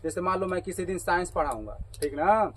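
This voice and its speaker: Male teacher with a high voice, question-and-answer math lesson, faint hiss behind. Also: animated, fairly quick, rough recording. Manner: asks the class questions and repeats their answers. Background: students answering in chorus.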